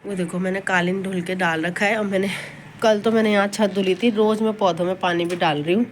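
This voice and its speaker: A woman's voice: mid-range voice, fairly even intonation, fairly quick, slight background noise. Chatty young woman vlogging from home. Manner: chatty, rambling, scolds a toddler between remarks. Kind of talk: casual home vlog chat.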